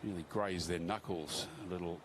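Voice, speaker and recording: A man's voice: low-pitched, steady tone, moderate pace, background noise. A man giving live golf commentary as a sports broadcaster.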